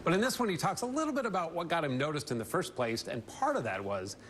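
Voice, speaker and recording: A man, a network TV correspondent, previewing stories in a brisk, enthusiastic way. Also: a little high, sing-song, fairly bright tone, a little hiss or hum. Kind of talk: remote interview segment.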